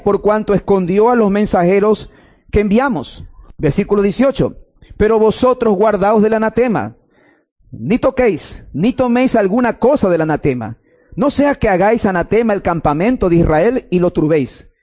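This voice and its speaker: A pastor preaching a sermon, reading scripture and explaining it in measured phrases with pauses. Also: male voice, high-pitched, a little mellow.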